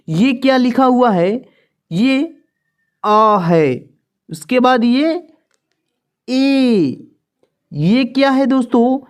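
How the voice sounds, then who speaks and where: A woman's voice: a little high, a little mellow. A woman teaching a beginner reading lesson, patiently naming each letter and repeating it for her viewers.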